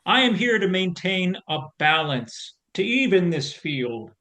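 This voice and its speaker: A man playing a weary, gentle scarecrow who speaks slowly and soothingly. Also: high voice, very animated, full character voice. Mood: steady. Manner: slow, measured, gently soothing. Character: weary old male scarecrow, gentle guardian. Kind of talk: audio drama reading.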